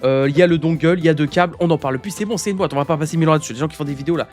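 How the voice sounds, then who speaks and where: Rapid, foul-mouthed man rambling through a gear review on a headset mic. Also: on the high side, darkish tone, faint music behind. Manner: crude, joking, rambling. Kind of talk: casual product review. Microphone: gaming headset mic.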